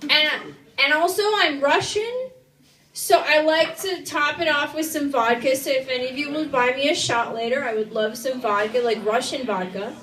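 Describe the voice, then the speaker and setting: A woman's voice: high-pitched, moderate pace, a little hiss or hum. A drunk woman doing a rambling stand-up comedy set, talking loosely and swearing. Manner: loud, tipsy, rambling with lots of "like" and swearing. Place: comedy club stage. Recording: roomy club sound from a distance.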